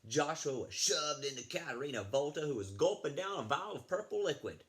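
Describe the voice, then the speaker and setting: A man reads a picture book aloud expressively, apparently to schoolchildren, tossing in casual asides. His voice sits on the high side, is a bit bright, and moves briskly.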